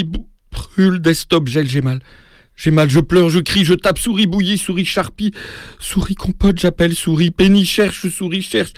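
A man giving an expressive, rhythmic reading of a book excerpt aloud. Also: mid-range voice, dry recording, studio quality. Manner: expressive, rhythmic, rising to frantic. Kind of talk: dramatic literary reading.

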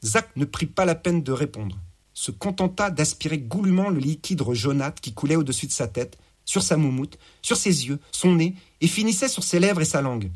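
A man narrating an audiobook in a crude, lively storytelling manner. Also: fairly high pitch, normal speed, breathy edge.

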